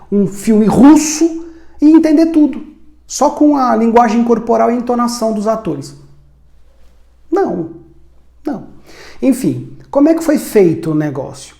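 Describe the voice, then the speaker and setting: A man gives a conversational lesson, asking rhetorical questions as he goes. His voice is mellow and warm. The recording is roomy, with a noticeable echo. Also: sits high. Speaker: communication instructor. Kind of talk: educational explainer video.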